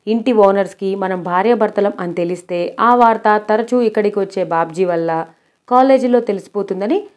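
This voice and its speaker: A woman's voice: mid-range voice, close to an everyday voice. A woman voicing a furious young wife who scolds her husband indignantly in an audiobook story.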